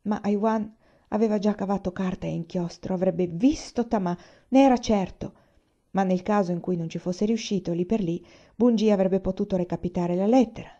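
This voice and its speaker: Mellow-voiced woman reading a novel aloud. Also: medium pitch. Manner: measured, expressive reading with slow pauses. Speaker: audiobook reader. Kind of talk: literary audiobook narration. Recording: dull lo-fi sound.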